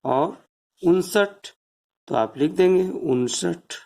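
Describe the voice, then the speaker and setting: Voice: medium pitch, extremely slow, vocal fry, darkish tone. A math teacher giving a step-by-step classroom explanation, counting out place values one at a time and asking rhetorical questions.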